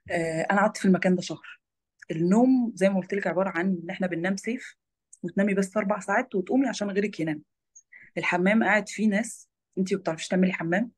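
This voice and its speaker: A woman's voice: lowish voice, husky. A young woman with an Egyptian Arabic accent, a former lawyer turned photojournalist, recounting her own experiences as an interview guest. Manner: rapid, tumbling storytelling.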